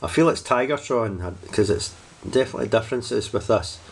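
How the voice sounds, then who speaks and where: A man's voice: mid-range voice, a little fast, creaky, slightly rough. A man casually reviewing a toy, rambling and hesitant, often repeating himself as he goes.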